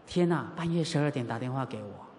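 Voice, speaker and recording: A middle-aged Buddhist teacher from Taiwan preaches with lively rises and falls in pitch. The teacher acts out dialogue and keeps asking the listeners rhetorical questions. A long hall reverb trails every phrase. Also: quick pace, a little hiss or hum. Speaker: Buddhist teacher giving a sutra lecture. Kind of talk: sermon with personal storytelling. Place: lecture hall at a Buddhist centre.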